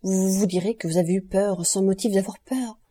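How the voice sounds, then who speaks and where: A woman's voice: medium pitch, fairly even intonation, fairly quick, mellow, husky, distant mic, natural voice. A woman reading an audiobook voices a desperate young man on the run, urgent and pleading.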